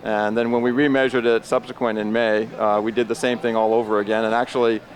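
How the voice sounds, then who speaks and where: A man co-hosting live coverage of a road race outdoors, explaining the course in a precise, measured, technical way. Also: lowish voice, level tone. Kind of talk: explanatory live broadcast commentary.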